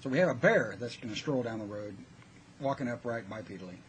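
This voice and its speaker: A man's voice: mid-range voice, expressive, fast talker, rough recording. A man presenting in casual, unscripted, conversational talk, explaining things with a sceptical manner. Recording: noticeable background noise.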